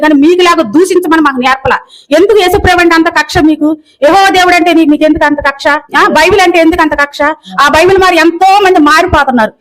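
Woman, very high pitch, rapid-fire angry scolding, rant delivery. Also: fairly bright tone, poor audio. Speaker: video commenter.

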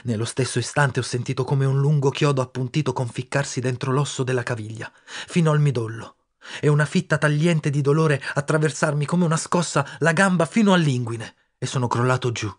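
Male audiobook narrator with a husky, mid-pitched voice and a steady, measured read. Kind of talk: first-person audiobook narration.

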